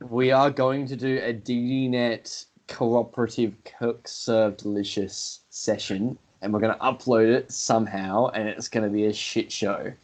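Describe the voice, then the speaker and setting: Joking podcast co-host. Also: male voice, medium pitch, fairly even intonation, measured pace, hardly any pauses, a little mellow. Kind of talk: casual chat.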